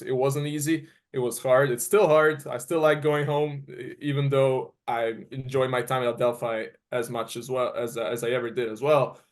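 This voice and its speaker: Earnest young man from Serbia. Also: medium pitch. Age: 20s. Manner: earnest, searching for words with restarts. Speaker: guest college tennis player. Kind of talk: interview answers.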